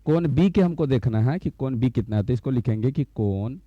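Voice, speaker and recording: A man's voice: mid-range voice, lively intonation, fairly quick, no room sound. A man teaching a school maths lesson. He repeats each term and keeps asking the class whether they have understood. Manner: repeats terms and checks understanding with questions. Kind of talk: slow blackboard lesson explanation. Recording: dull, lo-fi recording.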